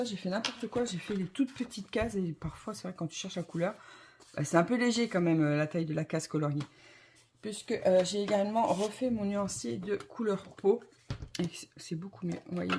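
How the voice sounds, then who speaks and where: A woman's voice: mid-range voice, a little hiss or hum. Woman rambling through a hobby vlog. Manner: rambling, many fillers and restarts, self-mocking. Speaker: vlogger. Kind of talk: casual chat to camera.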